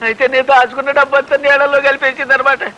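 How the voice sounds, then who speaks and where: A miserly householder grumbles in exasperation. His voice is very high and piercingly bright, with a Telugu accent. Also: monotone, rapid-fire, slight background noise, full character voice. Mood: exasperated. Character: miserly householder fretting over wasted water.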